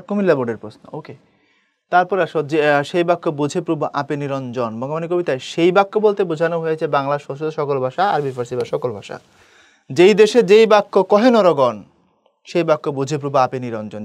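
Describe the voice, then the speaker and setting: Young man, exam-prep teacher, slightly high voice, dry close sound. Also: dry recording. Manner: explanatory, checks in with listeners.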